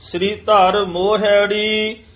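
Slow, chanting man reciting scripture. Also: high-pitched, flat delivery, fairly bright tone. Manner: slow, measured, sung-through reading.

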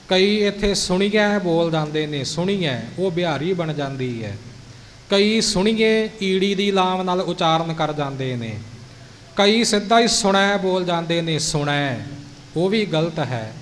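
A man teaching exact pronunciation of scripture, speaking deliberately and repeating words syllable by syllable. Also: a little high. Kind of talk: instructional explanation. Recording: reverberant hall, faint noise.

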